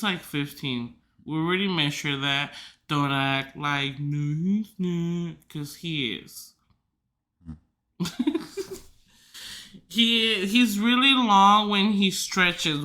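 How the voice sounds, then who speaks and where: A young woman chatting casually on her podcast, her voice very bright and forward. She rambles and fills her sentences with "like," slipping in giggly asides as she goes. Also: fairly low pitch, very slow. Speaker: podcast host. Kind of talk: casual chat.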